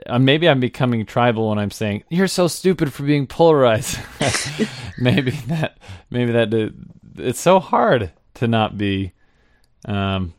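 A man's voice: medium pitch, lively intonation, unhurried, no room sound. A young man hosting a podcast, asking questions in a hesitant way and laughing easily. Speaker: podcast host. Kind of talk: casual interview talk.

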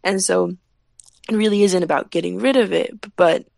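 A woman's voice: lowish voice, normal speed, creaky, a little mellow, no echo. A young woman from Peru, a podcast guest, speaking thoughtfully and often repeating words as she searches for them. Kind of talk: casual interview talk.

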